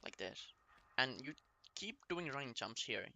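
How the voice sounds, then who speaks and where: Very animated yet unhurried, a speedrunner with a medium-pitched, gravelly, sharp-toned voice walks viewers through a game route. He keeps the tutorial casual, using short, step-by-step instructional phrases.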